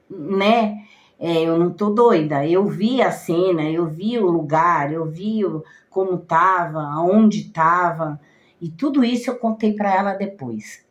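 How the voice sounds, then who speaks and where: A woman's voice: on the low side, lo-fi sound. A Brazilian woman, a cigana card reader, casually telling her viewers a personal story, with frequent repetitions and trailing off mid-phrase. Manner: animated, repeats herself, trails off.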